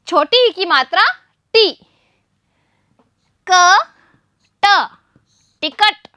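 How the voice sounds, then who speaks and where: A woman teacher with a very high, bright voice leads a first-grade reading lesson. She speaks very slowly, sounding out each word syllable by syllable and prompting the children to repeat it. The recording is dry and close. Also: no echo.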